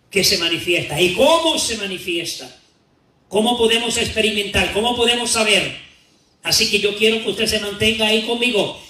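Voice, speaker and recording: A man preaching a Bible teaching in a church, slow and deliberate, repeating key words for emphasis. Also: high voice, pushed and bright, roomy sound, far from the mic, rough recording.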